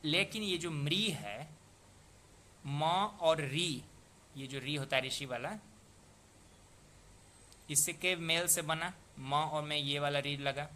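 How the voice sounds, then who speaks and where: Bright-voiced man patiently teaching poetic meter. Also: on the high side, slight background noise. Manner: patient, repeats and sounds out words slowly. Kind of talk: explanatory lesson.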